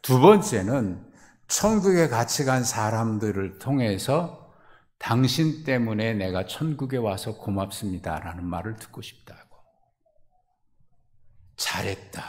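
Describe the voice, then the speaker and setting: A middle-aged male pastor preaching a sermon, acting out imagined quotes in sudden loud, high bursts. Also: lively intonation, measured pace.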